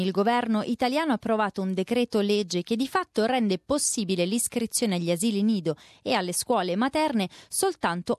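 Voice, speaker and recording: A woman radio host presenting the news and opening the phone lines, brisk and conversational. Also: mid-range voice, a little mellow, no echo, clean studio sound.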